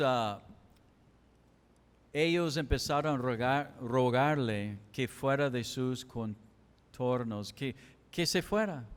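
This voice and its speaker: A man's voice: medium pitch, clean tone. A male pastor, preaching a sermon with emphatic, repetitive cadence. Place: church chapel. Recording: echoey church hall.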